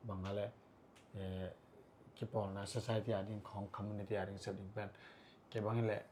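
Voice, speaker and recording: A man who founded a community group, answering interview questions in a relaxed, matter-of-fact way. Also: lowish voice, fairly quick, slight background noise. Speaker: podcast guest, community founder.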